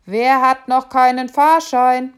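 A woman reading aloud, voicing a loud, impatient male tram conductor who scolds a boy. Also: a little high, unhurried, close to an everyday voice. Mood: brusque. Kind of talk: audiobook reading.

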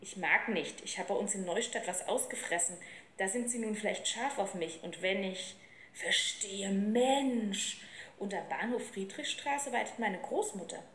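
A woman's voice: medium pitch, a little slow, a bit bright, a little hiss or hum, natural voice. A woman reading aloud, voicing an earnest, polite boy from a small town. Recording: roomy with faint ambience.

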